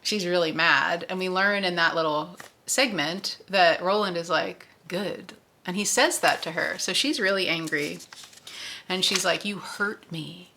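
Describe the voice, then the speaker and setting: A woman's voice: fairly low pitch, normal speed, sharp tone, slight background noise. A woman hosting a book club discussion, chatty and conversational, often correcting herself as she goes.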